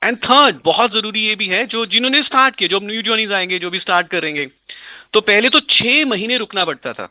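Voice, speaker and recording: A man's voice: high-pitched, expressive, a little fast, sharp tone, no room sound. A man explaining a business plan in an interview, mixing in English and repeating phrases for emphasis. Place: indoors at a dining table.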